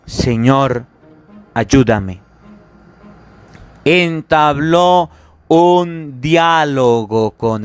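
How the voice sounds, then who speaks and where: A man, a priest giving a sermon, repeating key phrases with emphasis and speaking straight to his listeners. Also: on the high side. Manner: repetitive, emphatic preaching that addresses listeners directly.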